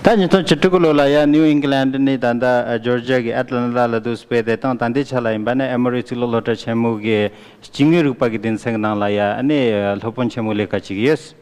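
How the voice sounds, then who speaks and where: A man's voice: medium pitch, steady tone, a little mellow. Man interpreting a lecture in a hall. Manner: brisk, with frequent affirming "aha". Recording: smooth voice in a long-reverb hall.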